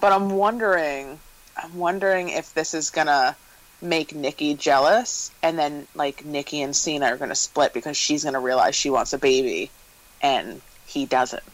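A man's voice: a little high, moderate pace, fairly bright tone, rough recording. A married man co-hosting a casual podcast, rambling and hesitant, often restarting his sentences. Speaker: podcast co-host. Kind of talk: casual chat.

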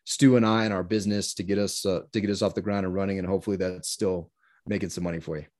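A man's voice: low-pitched, flat delivery, quick pace, a little mellow. A man in his forties co-hosting a podcast, introducing a guest in an earnest, effusive way, with many restarts. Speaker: podcast co-host. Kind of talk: casual interview chat.

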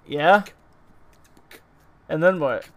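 Gravelly man laughing through casual banter. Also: on the high side, drawn-out words, lo-fi sound. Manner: loud, laughs often, swears freely. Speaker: podcast co-host. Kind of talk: casual chat among friends.

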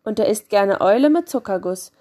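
A woman putting on a tiny storybook mouse who is cheeky and sure of herself. The voice sits raised and lively, bouncing along in rhyming verse. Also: medium pitch, a little fast, natural voice. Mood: cheerful. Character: small clever mouse, bold and quick-witted.

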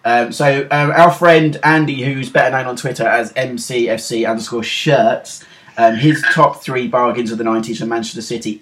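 A man's voice: medium pitch, a bit bright. British man hosting a casual podcast. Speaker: podcast host.

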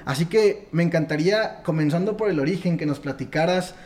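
A slightly high-voiced man hosts a relaxed interview. He talks with enthusiasm and stacks up long, rising lists of praise for his guest. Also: a little fast. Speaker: podcast host. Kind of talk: casual interview.

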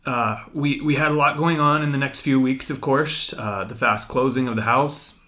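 A young man with a middle-pitched voice hosts a personal conversation podcast. He tells his story earnestly and reflectively, pausing often with fillers. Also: steady tone, fairly bright tone. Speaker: podcast host.

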